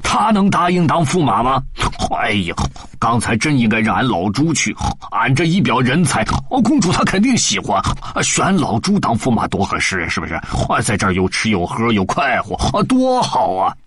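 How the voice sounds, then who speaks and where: A man's voice: mid-range voice, big pitch swings, normal speed, background noise, lightly acted. A man voicing a boastful, greedy male pig-demon monk in an audiobook, whining and bragging. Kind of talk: storybook audiobook voice acting.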